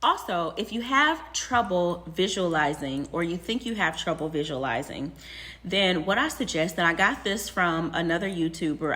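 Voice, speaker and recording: A young woman talking quietly, half-whispering, as she shares advice from an empty classroom. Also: on the low side. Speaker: vlogger. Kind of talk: casual spoken advice.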